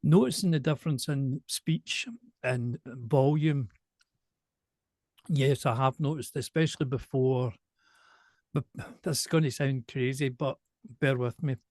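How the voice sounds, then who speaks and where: Glaswegian man, softened accent, slow and deliberate delivery, dry close recording, mid pitch. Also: steady tone, dry recording. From Glasgow, Scotland. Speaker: show presenter and singer, interviewee. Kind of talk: casual conversational interview.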